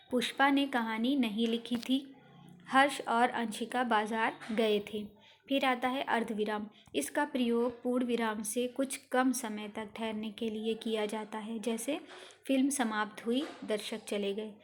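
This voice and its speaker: Hindi school teacher, woman, higher voice. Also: a little hiss or hum. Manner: addresses children, reads examples aloud. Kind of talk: classroom lesson explanation.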